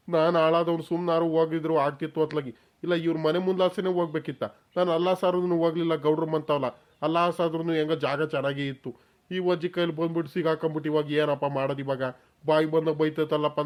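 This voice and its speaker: A man's voice: a little high, fast talker, lightly acted. A man voicing a timid village man in a cartoon, who mutters nervous asides to himself and pleads his innocence. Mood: fretful. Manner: nervous muttering asides, flattering when addressing the granny. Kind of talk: cartoon voice acting.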